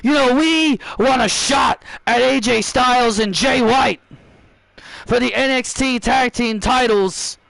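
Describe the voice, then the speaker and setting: A cocky, shouting wrestler hurls boasts and insults at the crowd, put on by a man. The voice sits very high and goes up further when he yells. The sound is dry and close. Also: unhurried, vocal fry, dry recording, full character voice, poor audio. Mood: taunting. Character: brash loud male wrestler cutting a promo.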